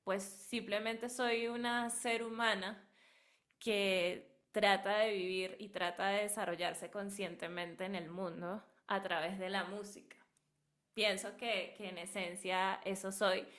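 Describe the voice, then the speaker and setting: A Venezuelan woman, a singer and vocal coach, answering interview questions thoughtfully with frequent pauses and fillers. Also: mid-range voice, fairly bright tone. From Barquisimeto, Venezuela.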